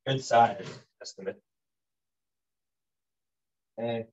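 A man's voice: medium pitch, slow, lo-fi sound, slight background noise. A man working as a chef, giving a casual cooking demonstration and explaining as he goes. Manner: relaxed, explains as he works, chatty asides.

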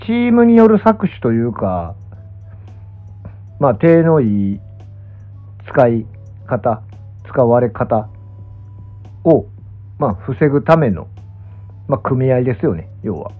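A young pro gamer and streamer with a Kansai accent lies in a small indoor room, chatting casually on a livestream and musing hesitantly before trailing off. His mid-range voice swings widely in pitch, and he speaks slowly with long pauses. Faint music plays behind him, and the audio is muffled and thin, like a phone.

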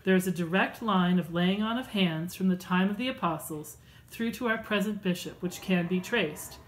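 Woman in her thirties, church class teacher, reading notes, slightly low voice, measured and earnest. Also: a little hiss or hum, rough recording. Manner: measured, earnest delivery with occasional fillers. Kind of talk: reading prepared lesson notes. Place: home room with bookshelves.

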